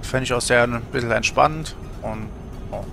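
A creaky, medium-pitched male voice at a moderate pace comes over background music. It belongs to a middle-aged game livestreamer chatting casually and musingly in colloquial speech from his indoor home streaming setup.

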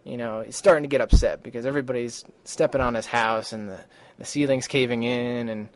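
A man's voice: mid-range voice, brisk, no echo. Male tutor, casual lesson, easygoing, mid-range voice. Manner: relaxed and chatty, with many fillers and restarts.

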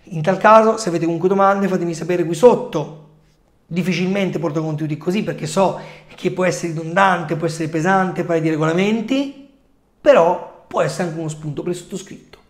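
A man in his forties with a coughy, subdued voice, often clearing his throat, giving casual explanatory commentary straight to his viewers. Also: high-pitched, brisk. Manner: conversational, addressing viewers directly. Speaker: football video host. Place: small home room, indoors. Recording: echoey room.

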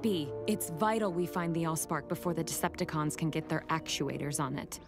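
A woman's voice: deep voice, fairly quick. A woman voicing a stern, protective female robot warrior in a cartoon, with firm, instructive delivery. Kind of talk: animated cartoon acting. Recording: loud music and effects behind.

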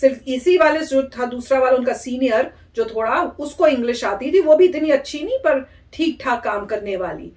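A woman vlogger giving casual, animated reaction commentary and imitating the people she is reacting to. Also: sits high, normal speed, few pauses. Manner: animated, mimics the soldiers' lines. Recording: echoey room.

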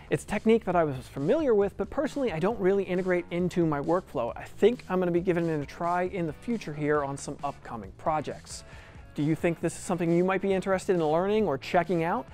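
A man's voice: high-pitched, a little mellow. A man in his thirties hosting a channel, talking upbeat and direct to viewers in a large fabrication shop. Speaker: channel host. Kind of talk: scripted outro to camera. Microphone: lapel.

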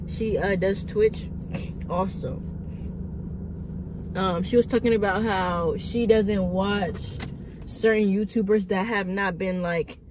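A vlogger in her early twenties sits in a parked car and chats casually to her phone camera, which is mounted on the dashboard. Her voice is medium-pitched, with background noise, and she rambles, dropping plenty of "like" and "dude."

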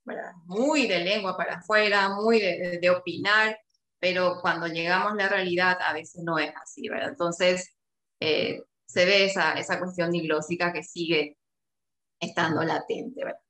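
A woman's voice: lowish voice, fairly even intonation, moderate pace, a bit bright, echoey room. A woman with a Paraguayan Spanish accent giving an academic seminar talk, explaining with many tag questions and fillers over a video call. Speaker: linguistics researcher.

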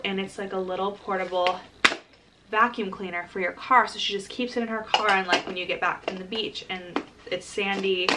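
A woman in her early twenties chatting casually to camera in a bubbly, excitable sorority-girl manner, often dropping in "like" as filler. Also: on the low side, heavy background noise. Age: early 20s. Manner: frequent filler "like". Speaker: college vlogger. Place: parked car and small bedroom. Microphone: camera at about arm's length.

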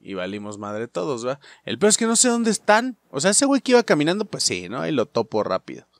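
A man with a Mexican accent commenting on a game he is playing, cursing constantly and shouting at enemies. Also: fairly high pitch, fast talker, no echo, clean studio sound. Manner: profane, excitable, shouts at enemies. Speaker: gaming channel host. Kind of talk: let's play commentary.

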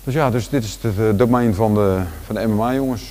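A man in his forties with a Rotterdam Dutch accent, giving a relaxed walking tour of his large indoor gym, talking casually with lots of fillers and restarts. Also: lowish voice, fast. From Netherlands. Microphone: handheld camera following him.

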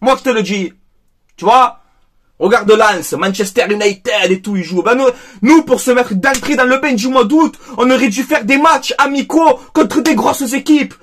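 Heated high-voiced man. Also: normal speed, a bit bright. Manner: heated, emphatic, repeats phrases, addresses viewers as "les gars". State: angry. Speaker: football fan commentator. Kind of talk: angry post-match debrief monologue.

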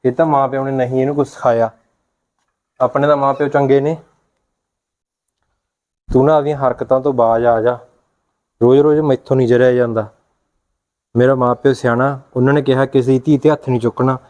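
A man plays a stern husband, scolding in a steady, reproachful way. His voice is mellow and dark, at an ordinary pitch for a man. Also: fairly quick, long pauses, lightly acted. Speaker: husband and brother.

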